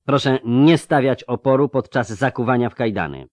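A man's voice: mid-range voice, moderate pace, darkish tone, no echo, studio quality, pitched above the performer's own voice, natural voice. A man voicing a stern imperial officer who gives orders in a cold, formal way.

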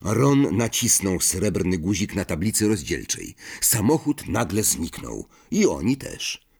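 A male audiobook narrator with a fairly low, husky voice. He reads expressively, and his pitch rises and falls in a lively way throughout the narration. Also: unhurried. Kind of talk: audiobook reading.

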